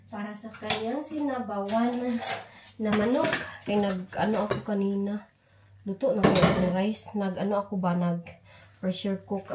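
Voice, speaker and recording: A woman's voice: medium pitch, darkish tone, slight background noise. A middle-aged Filipino woman with a Filipino accent, chatting casually in a home vlog and telling stories while switching between languages. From Philippines. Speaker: vlogger.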